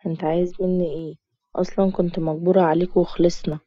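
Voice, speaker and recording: A woman with an Egyptian accent voicing a hurt, defiant young heroine, speaking softly and pleadingly. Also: lowish voice, flat delivery, fast talker, no room sound, lo-fi sound, natural voice.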